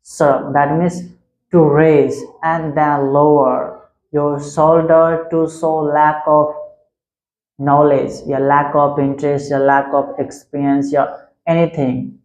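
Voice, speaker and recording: Slow, repetitive English vocabulary teacher. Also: male voice, on the high side, level tone, darkish tone, slight background noise. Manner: repetitive, spells words letter by letter. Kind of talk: vocabulary lesson. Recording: echoey room.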